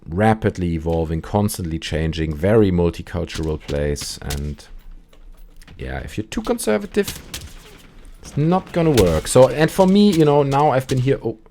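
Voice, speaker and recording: A man's voice: on the low side, big pitch swings, moderate pace, mellow, a little hiss or hum. A man in his thirties with a German accent, German-born, hosting a call-in show and chatting while playing a video game, often breaking off mid-sentence to react to the game.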